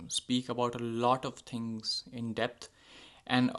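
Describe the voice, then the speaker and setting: In a slow, completely flat, fairly bright mid-range voice, a young channel host whose first language is Hindi delivers a casual unscripted monologue to his viewers, peppered with fillers and self-corrections.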